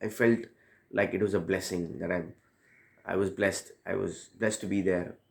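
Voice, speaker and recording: A man from India with a low, gravelly voice tells a personal story in a relaxed, spoken way. He talks reflectively, pausing on fillers and correcting himself as he goes. His deep tone has a rough, creaky edge. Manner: reflective, rambling, with frequent fillers and self-corrections. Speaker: football fan telling a personal story.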